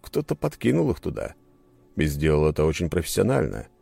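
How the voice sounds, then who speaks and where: A man narrating a first-person story in an expressive storytelling manner. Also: a bass voice, brisk, creaky, slightly rough, no echo, soft background music. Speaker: audiobook narrator.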